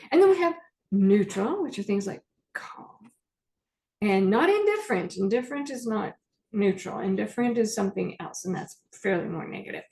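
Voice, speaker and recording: A woman's voice: a little high, creaky, darkish tone. A middle-aged woman therapist explaining emotions in a casual, chatty talk, telling stories and acting out what clients say. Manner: chatty storytelling, acts out quoted clients.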